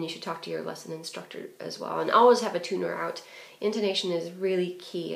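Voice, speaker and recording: Her voice is gravelly and fairly low as she coaches a clarinet student on phrasing and fingerings, keeping it practical and filling pauses often. The recording carries an echoey room sound.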